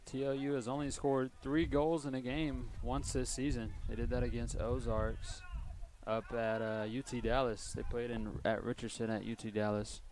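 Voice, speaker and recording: A man's voice: medium pitch, flat delivery, normal speed, darkish tone. A young man doing casual play-by-play commentary on a college soccer game, chatty and rambling with lots of fillers. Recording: noisy livestream commentary audio.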